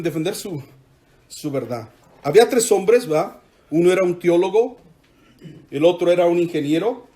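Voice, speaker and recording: A man's voice: high voice, mellow. A man preaching a sermon in church, emphatic, drawing the congregation into call-and-response.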